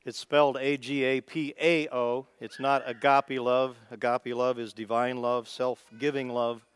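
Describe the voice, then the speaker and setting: A man's voice: medium pitch, level tone, a little slow, smooth, no echo. A man with a Midwestern accent giving an informal, folksy sermon, thinking aloud as he goes. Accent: Midwestern American. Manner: folksy, conversational, thinking aloud with small restarts. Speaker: preacher.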